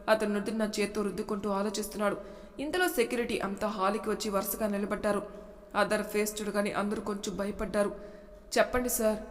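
A woman reading a serialized story aloud, voicing every character in her own voice and raising it for shouted lines. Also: medium pitch, in a large hall. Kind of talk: scripted story narration with dialogue.

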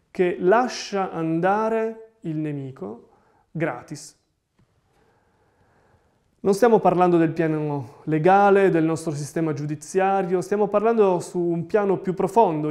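High-voiced man preaching calmly. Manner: measured, reflective preaching. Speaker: pastor. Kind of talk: sermon. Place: room with bookshelves, indoors.

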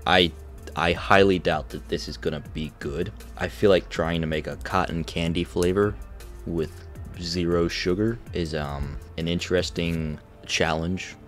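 A man's voice: low voice, fairly even intonation, unhurried, faint music behind. A man casually chatting through a snack taste test, joking and reacting with exaggerated disgust. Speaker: vlogger reviewing snacks.

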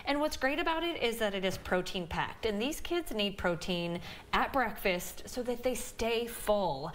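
There's a little hiss or hum as a dietitian guest in her thirties, speaking with a Midwestern American accent, demonstrates a recipe on a morning TV show's home kitchen set. Her medium-pitched voice is animated and unhurried, and her explanation is chatty with lots of fillers.

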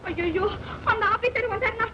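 An actress playing a distressed village woman cook who wails and complains loudly, in a dull old film recording. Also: expressive, a little fast, very noisy. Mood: wailing. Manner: shrill, wailing complaints. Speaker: cook for an officer. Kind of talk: 1950s film comedy acting.

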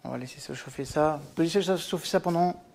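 A man and wellness coach giving a cooking demonstration in a kitchen, talking viewers through each step in a gentle, instructive way and calling them by fond pet names. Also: on the high side, quick pace, gravelly. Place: home kitchen at the stove. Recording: food sizzling in the pan behind.

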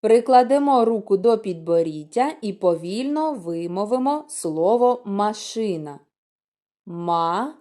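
A woman teaching young children, explaining calmly and asking them questions. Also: mid-range voice, a little slow, hardly any pauses. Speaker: kindergarten teacher.

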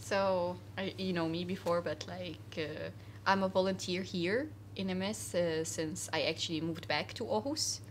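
A lowish female voice, a little slow yet with hardly any pauses, comes through over slight background noise. The speaker is a young Syrian woman being casually interviewed in an indoor cafe, talking earnestly amid many fillers and restarts.

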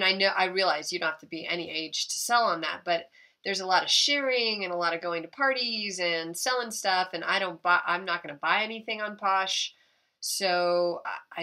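A woman's voice: on the low side, bright, forceful tone, dry recording. A woman with a congested, nasal voice from a cold, chatting casually through her sales recap, rambling and correcting herself. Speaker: eBay reseller vlogger.

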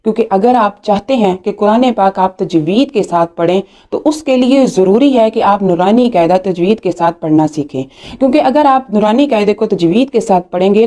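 एक महिला शिक्षिका धैर्य से, अक्षरों को खींचकर बोलते हुए, एक-एक कदम पाठ पढ़ाती है, उर्दू लहजे में।. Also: female voice, medium pitch, mellow. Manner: patient, drawn-out letter sounds. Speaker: Quran recitation teacher. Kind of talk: slow step-by-step lesson.

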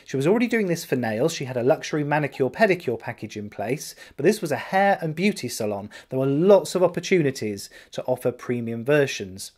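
A man's voice: mid-range voice, big pitch swings, a little fast, few pauses, darkish tone. A man in his forties, a salon business coach, talking to camera and walking through pricing figures step by step in an upbeat, explanatory way. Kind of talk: direct-to-camera business tutorial. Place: indoor room with decorated wall.

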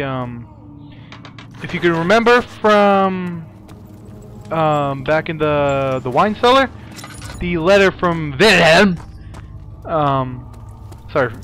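A man's voice: on the high side, fairly bright tone, slight background noise. A young man giving casual let's play commentary, rambling and apologetic, yelping when scared.

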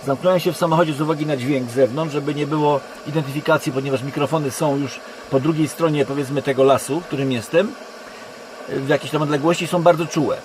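A Polish man giving a rambling monologue to camera from inside a car, speaking haltingly and often correcting himself. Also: a little high. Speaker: online video creator. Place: inside a parked car in a forest. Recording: constant background noise in a car. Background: steady background hum.

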